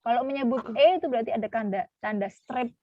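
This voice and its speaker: A woman's voice: a little high, quick pace, dull audio. A woman teaching a class, patiently repeating words and quizzing her students. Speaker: French teacher. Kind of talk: online class lesson.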